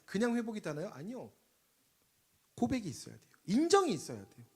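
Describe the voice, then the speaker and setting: A man delivers a sermon in a high, husky voice that rises and falls widely as he talks. He chats with the congregation, jokes, and leads them in call-and-response, dropping to quiet asides before pushing out loud lines. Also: brisk. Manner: lively, conversational, swings between loud emphasis and quiet asides. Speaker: preacher.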